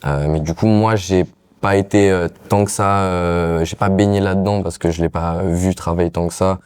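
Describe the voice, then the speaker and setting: A young man from Paris talks about his work as a carpenter in a relaxed, halting way, filling the pauses with little fillers. His voice sits very low and sounds mellow, with a smooth, resonant tone. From Paris, France. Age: young adult. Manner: hesitant, many fillers. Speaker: carpenter guest. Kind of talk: casual interview answers.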